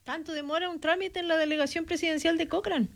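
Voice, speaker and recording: A woman's voice: very high-pitched, fairly even intonation, fast, gravelly. A woman hosting a radio call-in interview, speaking to callers in a familiar, caring way. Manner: warm, addresses callers familiarly. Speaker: radio host.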